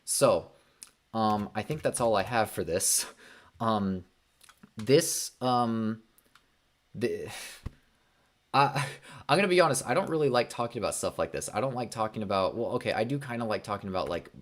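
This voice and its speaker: A man's voice: fairly low pitch, animated, normal speed, long pauses. A young man hosting a casual livestream, rambling through opinions with many ums, likes and restarts. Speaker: livestream host.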